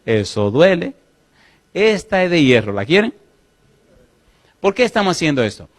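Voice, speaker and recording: A man preaching a sermon as pastor, asking the congregation questions and slowing to read scripture aloud. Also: on the high side, big pitch swings.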